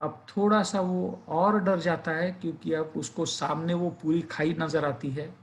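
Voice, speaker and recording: The voice belongs to a man, a little high, steady in tone and measured in pace. As a teacher, he delivers a suspenseful story and follows it with an earnest push for students to revise, storytelling paired with motivational advice.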